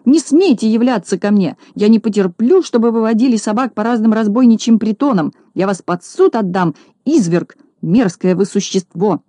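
A woman doing a shrill hysterical rich lady. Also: lively intonation, a little fast, hardly any pauses, dark tone, no echo. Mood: scolding. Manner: shrieking, scolding, melodramatic. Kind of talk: audiobook character reading.

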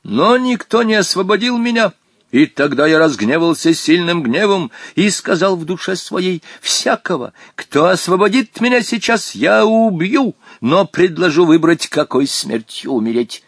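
A man's voice: sits high, big pitch swings, measured pace, a bit bright, slightly rough, dry recording, studio quality, pitched above the performer's own voice, full character voice. A man voicing a pompous, wrathful old male genie in an audiobook, speaking in archaic, threatening phrases. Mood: haughty. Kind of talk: audiobook character voice.

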